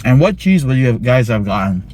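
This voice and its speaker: A man's voice: mid-range voice, very animated, moderate pace, a little mellow, slight background noise. A man giving a casual food review to viewers, talking with his mouth full and humming appreciatively as he chews. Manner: chewing and talking with mouth full between bites; savoring hums and mm sounds.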